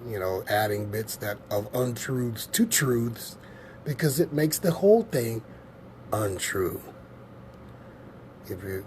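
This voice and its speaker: A man's voice: mid-range voice, a little mellow, a little hiss or hum. A man hosting a casual scripture teaching show, rambling and emphatic, often repeating his points.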